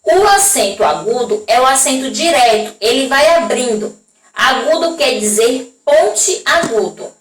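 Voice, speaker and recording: A woman's voice: high voice, lively intonation. Brazilian woman, primary teacher, patient lesson voice, stretches out words, echoey room, voice from a distance. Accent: Brazilian Portuguese. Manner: slow, drawn-out pronunciation of example words; frequent checking tags to the class. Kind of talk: recorded classroom lesson for young children.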